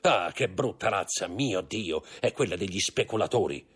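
A man voicing an indignant, haughty aristocratic baroness in a high, scolding put-on voice for an audiobook. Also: animated, normal speed, a bit bright, husky, full character voice. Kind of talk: audiobook character voice.

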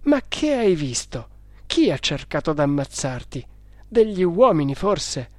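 A man's voice: a little high, very animated, unhurried, a little mellow, no echo. Man voicing an alarmed servant, urgent, raised voice, storybook.

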